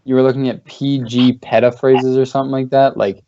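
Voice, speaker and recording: A man's voice: medium pitch, little pitch movement, a little fast, dark tone, a little hiss or hum. A man hosting a casual gaming chat, swearing freely and mimicking his friends. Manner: loose, profane, mimics friends. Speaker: podcast host. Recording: dull lo-fi stream audio.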